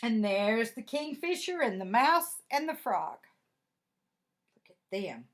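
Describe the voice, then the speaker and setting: A woman's voice: fairly high pitch, takes it slowly. An older woman with a grandmotherly manner, reading a picture book aloud to children and adding chatty, admiring asides. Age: 60s or older. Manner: grandmotherly, expressive, repeats admiring words. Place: office.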